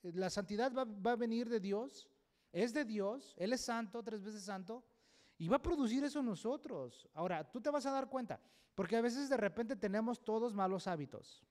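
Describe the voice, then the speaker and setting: A pastor preaches at a church service, his voice pitched high for a man. He talks emphatically and keeps checking in with his listeners with a questioning "right?". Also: expressive, moderate pace, darkish tone. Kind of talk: sermon.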